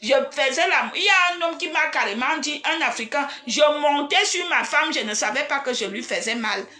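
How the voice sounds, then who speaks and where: A woman, chatting casually and excitedly on a live stream and teasing her viewers. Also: high voice, normal speed. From Cameroon.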